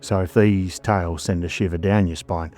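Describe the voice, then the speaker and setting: A man's voice: low-pitched, fairly even intonation, moderate pace, darkish tone, soft background music. An Australian man narrating scripted ghost stories as a storyteller host, in a suspenseful, dramatic manner with short phrases.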